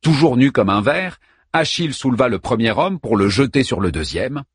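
A man narrating an epic tale in dramatic, expressive audiobook style. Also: medium pitch, moderate pace, slightly rough, no echo, clean studio sound.

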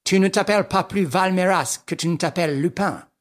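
A man voicing an arrogant English detective who mocks his rival scornfully and shouts orders. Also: high-pitched, a little fast, pitched above the performer's own voice, lightly acted. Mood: sneering. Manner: mocking, scornful, bursts into shouting.

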